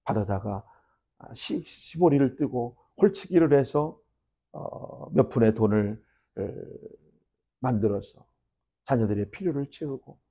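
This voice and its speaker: A middle-aged male pastor preaching a sermon, building to loud impassioned peaks and dropping to soft endings. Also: mid-range voice, animated, a little slow, husky. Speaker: senior pastor.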